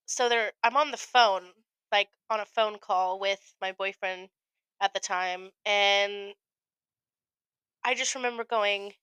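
A young American woman co-hosting a podcast tells a story in relaxed chat, her mid-range voice clear and resonant with no room sound. She delivers an animated retelling, voicing the quotes and swearing frequently.

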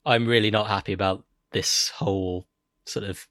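Low, dry-voiced male player. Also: fairly even intonation, normal speed, fairly bright tone, no room sound. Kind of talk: casual play.

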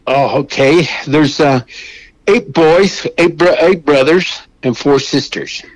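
An older man from Mexico speaks as a guest on a radio show. He talks haltingly and keeps restarting his sentences. His voice sounds dry and close. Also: a little high, no room sound, low-quality recording. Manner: halting, with many restarts and fillers. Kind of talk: phone interview.

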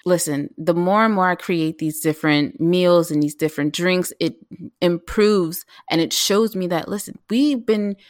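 A woman chatting as a guest about home cooking, lively and quick, with many fillers and restarts. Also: fairly low pitch, no room sound, studio quality. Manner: animated, talks fast with restarts and fillers. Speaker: guest, vegan home cook. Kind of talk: casual interview chat.

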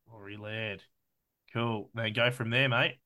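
Aussie guy, bright voice, excitable, swears a lot, casual podcast chat. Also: lowish voice, unhurried. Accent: Australian. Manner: excitable, swears freely, keeps addressing his co-host. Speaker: podcast co-host.

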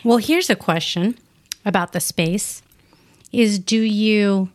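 A woman hosting a podcast who speaks in a slow, measured way, asking questions and giving brief agreeing replies. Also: mid-range voice, no echo. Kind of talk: casual chat and ad read.

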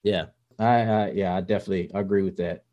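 A man with a fairly low voice, co-hosting a casual podcast chat. He talks in a halting way, restarting sentences and searching for words as he goes. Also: steady tone, warm tone, lo-fi sound. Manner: halting, many restarts and fillers. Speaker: podcast co-host.

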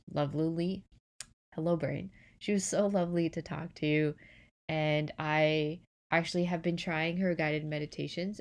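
A woman's voice: low voice, darkish tone. A woman hosting a casual solo podcast from her bed, chatty and rambling, sounding a little stuffy with a sore throat. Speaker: podcast host. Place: in bed indoors.

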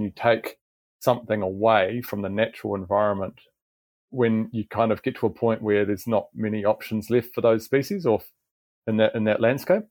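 In a relaxed podcast interview, a middle-aged garden manager with a New Zealand accent explains things, often restarting his sentences. His voice sits low, and the recording is dry.

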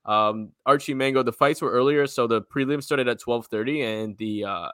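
A man's voice: mid-range voice, moderate pace, a bit bright, clear, resonant tone, no echo, clean studio sound. A man co-hosting a casual post-fight show, talking in a laid-back way with casual slang. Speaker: co-host.

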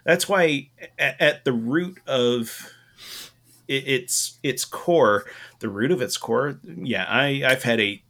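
Male co-host, medium pitch, loose and meandering conversational delivery, halting. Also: fairly bright tone. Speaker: podcast co-host giving opinions. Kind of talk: casual rambling chat.

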